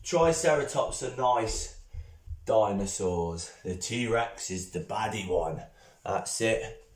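A man leading a toddlers' PE class, speaking slowly and patiently and checking in with "okay? all right?" after nearly every phrase. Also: on the low side, animated. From United Kingdom. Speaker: kids' PE instructor. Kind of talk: children's exercise class. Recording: echoey room.

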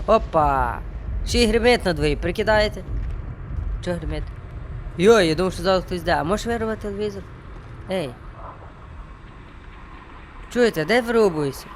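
A man's voice: high voice, a little hiss or hum. A young man, joking and talking to the game as he plays. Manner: joking, talks to the game and viewers. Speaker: let's play streamer. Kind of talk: playful gameplay commentary.

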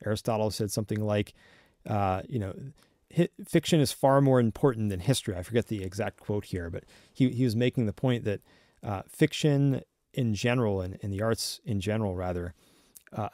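A young man speaking as a podcast guest, explaining his ideas earnestly and taking his time. He often restarts a phrase as he thinks. His voice sits at a middle pitch and is recorded close and dry. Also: darkish tone, no echo. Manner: earnest, measured, with frequent restarts. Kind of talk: thoughtful conversational explanation.

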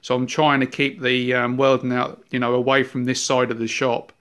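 A man in his fifties with a New Zealand accent walks through his large, cluttered workshop, filming on a handheld phone. He talks in a relaxed, rambling way full of fillers, his voice staying fairly flat and even. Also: medium pitch, normal speed, clear, resonant tone. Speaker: workshop owner. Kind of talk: casual workshop tour. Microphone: handheld phone camera.

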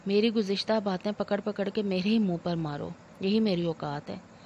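A woman's voice: medium pitch, steady tone, moderate pace, warm tone, highs cut off, slight background noise, lightly acted. A woman doing a timid young daughter-in-law. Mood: pleading.

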